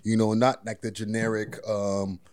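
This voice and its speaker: A man's voice: fairly low pitch, monotone, normal speed, darkish tone, smooth. A man hosting a podcast in casual, slangy talk, often repeating his phrases. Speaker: podcast host.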